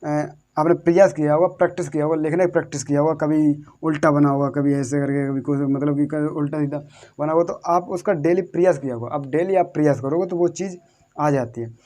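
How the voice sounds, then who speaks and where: A man's steady, mellow voice, pitched high and moving fairly quickly, leads a classroom-style lesson as an English teacher. He repeats material, asks viewers questions he then answers, and spells words out.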